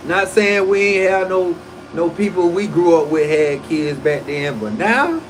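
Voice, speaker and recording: A man in his forties rambling through a casual livestream, his voice sitting a little high for a man. He talks in loose, profane slang, often restarting his sentences mid-thought. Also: animated, measured pace, a little hiss or hum, low-quality recording. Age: 40s. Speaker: livestream host.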